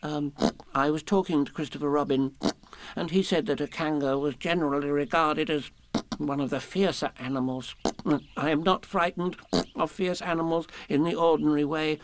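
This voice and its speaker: A man voicing a small, timid male piglet, soft and hesitant, with nervous pauses. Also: a little high, fairly even intonation, no room sound, pitched above the performer's own voice, close to an everyday voice.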